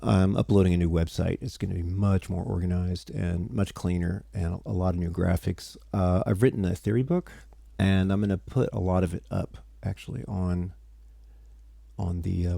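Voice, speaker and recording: Tired gravelly man teaching music theory. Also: low voice, steady tone, moderate pace, mellow, dry recording. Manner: rambling, self-interrupting, chatty with viewers. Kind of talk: casual livestream lesson.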